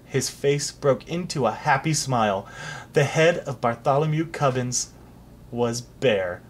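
A reader narrating a storybook aloud for a child in an expressive, animated way. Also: medium pitch, unhurried, a little hiss or hum.

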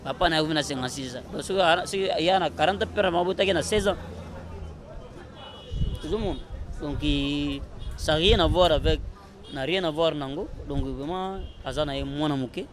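Speaking at a moderate pace in a fairly high voice, this Congolese-accented man in his thirties chats informally as a guest in an interview and moves between languages. It was captured outdoors with a handheld mic, and there's plenty of noise.

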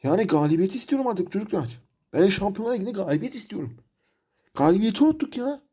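Husky, frustrated gamer man ranting. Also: high-pitched, sing-song, fast talker, warm tone. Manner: frustrated, ranting, repeats himself. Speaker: gamer playing a football manager career. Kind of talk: let's-play commentary.

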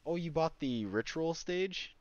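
A young man chatting excitedly with a friend while gaming, swearing often and laughing. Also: fairly high pitch, a little slow, no room sound. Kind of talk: casual gaming chat. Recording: muffled lo-fi voice chat with faint music.

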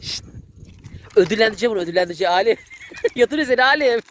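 A man, vlogging outdoors in a village and excitedly calling to a dog. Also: high voice, very fast, slight background noise. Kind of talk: casual vlog commentary.

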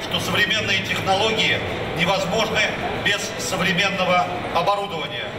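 High-voiced man making a formal statement. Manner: formal, steady delivery. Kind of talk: prepared statement. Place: large exhibition hall. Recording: echoey hall, mic far off, loud noise.

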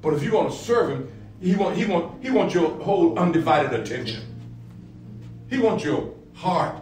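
Middle-aged male pastor, high voice, preaching with repetition, distant and roomy over faint music. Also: lively intonation, normal speed, darkish tone. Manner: repeats phrases, builds to emphatic peaks. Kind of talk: sermon-style Bible lesson.

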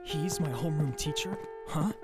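A woman's voice: deep voice, moderate pace, close to an everyday voice. A woman voicing an earnest, easily flustered teenage schoolboy in an overacted anime fan dub. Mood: startled. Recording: loud music behind the voice. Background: instrumental music.

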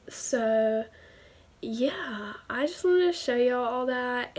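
A woman's voice: on the high side, darkish tone, slight background noise. A teenage girl with a Southern American accent, chatting casually through a haul vlog from her bedroom, filling every sentence with "like". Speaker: vlogger. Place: bedroom, indoors. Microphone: webcam at desk distance.

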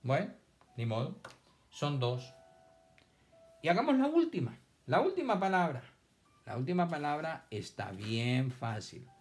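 A man teaching children reading and spelling online. He dictates words slowly, splits them into syllables and praises his pupils. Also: fairly high pitch, big pitch swings, soft background music.

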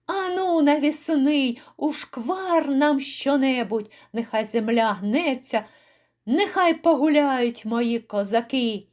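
A rowdy Cossack chieftain rallies his men to drink and dance, voiced by a woman in a poetry recital. The calls come hearty and commanding, pitched high and unhurried. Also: darkish tone. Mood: rousing.

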